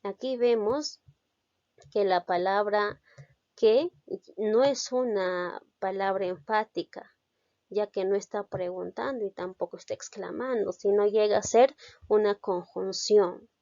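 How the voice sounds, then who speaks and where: Woman with a dark, mellow voice teaching. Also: medium pitch, fairly even intonation, no room sound, dull audio. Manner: explains slowly, checks understanding with "¿ven?". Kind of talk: recorded grammar lesson.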